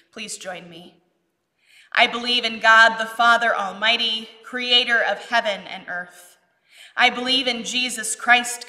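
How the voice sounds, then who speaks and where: A middle-aged woman pastor leading worship in a church sanctuary, reading the creed and prayers in a measured, solemn way with her arms raised. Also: a little high, sharp tone, long reverb tail. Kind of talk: leading liturgy and intercessory prayer. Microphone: fixed camera at mid distance.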